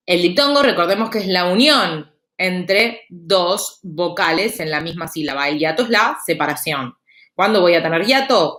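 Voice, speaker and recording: A woman, teaching a grammar lesson in a lively, explanatory way. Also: mid-range voice, roomy sound. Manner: lively, explanatory, speeds up and slows down for emphasis. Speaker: Spanish teacher.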